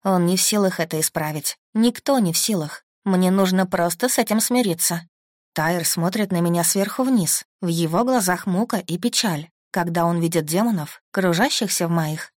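A woman's voice: on the low side, normal speed, a little mellow, no room sound, studio quality. A woman reading an audiobook in the first person. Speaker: audiobook narrator.

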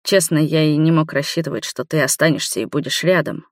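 A reader voicing an earnest older man, just out of hospital, pleading softly. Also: on the high side, fairly even intonation, fairly quick, no echo, clean studio sound, close to an everyday voice. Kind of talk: audiobook dialogue.

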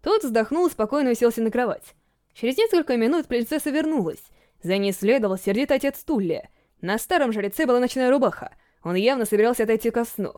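Brief: woman audiobook narrator, higher voice, very lively pitch. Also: quick pace. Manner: expressive storytelling.

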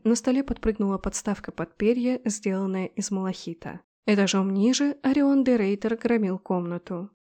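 A woman narrating a first-person fantasy audiobook in a steady, expressive storytelling voice. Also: a little high.

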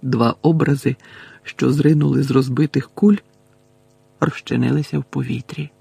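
Here a male narrator delivers an audiobook at an even, measured pace in a medium-pitched voice that's gravelly and a bit husky. It's recorded close and dry, with no room sound at all.

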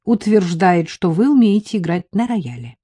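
A quick, teasing grown man speaks over the phone, put on by a woman reading an audiobook. His voice sits warm and dark with a slight husk. The sound is close and dry. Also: mid-range voice, big pitch swings, slightly rough, no room sound. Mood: teasing, upbeat. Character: brisk, cheerful adult man on the phone. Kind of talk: audiobook narration.

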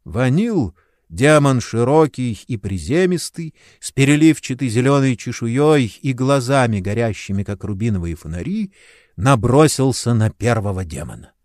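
Male audiobook narrator, mid pitch, steady, dry studio. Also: normal speed, no room sound. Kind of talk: scripted narration.

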